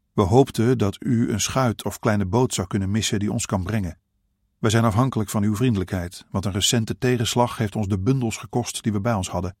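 A man's voice: lowish voice, a little mellow, no room sound, studio quality, lightly acted. A man playing a weary elderly husband who speaks politely to strangers and soothes his wife. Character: weary old husband, gentle and courteous.

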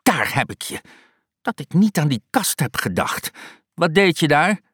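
A man doing a shrill old aunt, scolding and fond. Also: sing-song, unhurried, fairly bright tone, breathy edge, no room sound, clean studio sound, full character voice. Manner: shrill, exasperated scolding, pious sighing. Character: scolding old aunt, fussy yet soft-hearted. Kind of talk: audiobook reading.

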